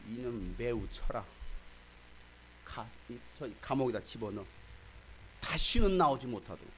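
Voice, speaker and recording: A man's voice: medium pitch, sing-song, moderate pace, fairly bright tone, a little hiss or hum, pitched below the performer's own voice, poor audio. A man voicing a stern, commanding king in a sermon retelling who growls out his orders. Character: stern powerful ancient king, male adult.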